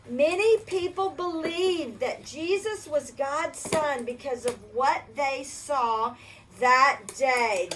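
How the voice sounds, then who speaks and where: In a high voice, an older woman tells children a Bible story the gentle way a storybook is read, breaking off now and then to put questions to them. A faint hiss or hum sits under the recording.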